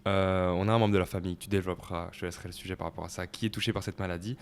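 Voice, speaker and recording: Relaxed young man hosting, low voice. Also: racing, slight background noise. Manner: relaxed, joking, many fillers. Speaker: podcast host. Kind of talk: casual conversation.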